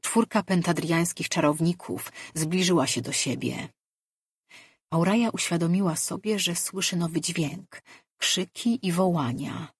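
A woman reads a fantasy audiobook in a measured, steady storytelling voice. Her tone is low and husky, recorded close and dry with no room sound. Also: no echo. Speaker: audiobook narrator. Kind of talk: scripted fantasy narration.

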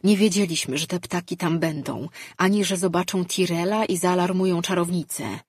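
A woman's voice: on the low side, steady tone, moderate pace, darkish tone, slightly rough, no echo, studio quality. A woman reading the part of a hard, cool-headed female ally who speaks in a matter-of-fact way. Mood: calm.

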